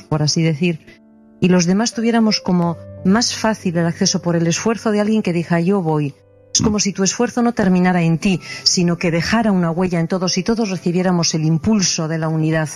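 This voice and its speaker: Mid-pitched speaker, tentative questions. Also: a little fast, a little mellow, soft background music. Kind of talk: conversational spiritual discussion.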